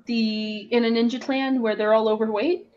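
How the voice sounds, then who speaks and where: A woman's voice: on the high side, fairly even intonation, normal speed, a little mellow, lo-fi sound. A woman hosting a casual drawing stream, introducing her guests in a playful, teasing way with frequent laughs. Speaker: stream host.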